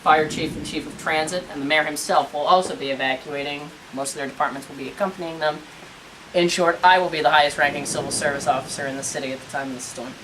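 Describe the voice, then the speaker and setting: An actor playing a stern police lieutenant who gives orders with dry sarcasm. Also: male voice, fairly high pitch, steady tone, fast, crowd noise, close to an everyday voice. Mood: commanding. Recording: distant mic, noisy with rain.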